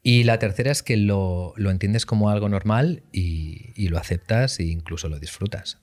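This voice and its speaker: Animated man telling stories. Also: lowish voice, moderate pace. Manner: animated storytelling, acts out quotes. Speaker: guest youtuber. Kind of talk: casual podcast chat.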